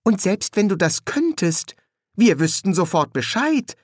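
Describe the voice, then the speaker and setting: Man doing a high-pitched sharp girl, pointed questions, dry audiobook sound. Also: sing-song, measured pace, no room sound, heavily acted. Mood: probing.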